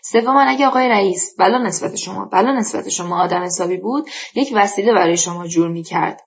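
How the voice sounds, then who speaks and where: A woman's voice: medium pitch, gravelly, lightly acted. A woman reading a story, voicing a talkative, hospitable older village man who speaks emphatically and airs his grievances. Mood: indignant. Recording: dull lo-fi recording.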